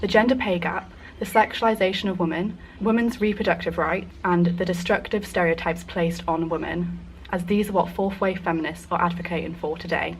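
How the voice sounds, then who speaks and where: A teenage woman narrating her own documentary in a measured, formal way and putting questions to interviewees. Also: fairly low pitch, steady tone, slight background noise, poor audio. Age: teens. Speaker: student documentary maker and interviewer.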